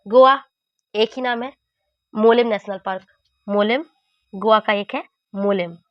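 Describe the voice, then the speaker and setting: A woman's voice: mid-range voice, measured pace, dry recording, dull audio. A woman teaching a lesson, patiently explaining memory tricks and repeating key points. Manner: patient, repetitive, coaching.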